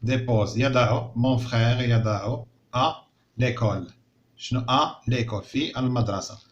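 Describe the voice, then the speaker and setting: A male schoolteacher with a Moroccan Arabic accent gives a recorded lesson. He stretches words out slowly and says them again for young pupils, then explains in Arabic. The audio is a little dull and lo-fi. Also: mid-range voice. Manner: slow, drawn-out word repetition. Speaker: primary school teacher.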